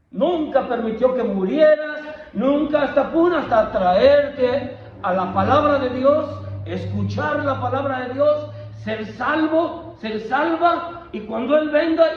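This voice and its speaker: A man preaching a fervent sermon as pastor, repeating words and restarting phrases. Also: very high voice. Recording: echoey room, dull lo-fi sound.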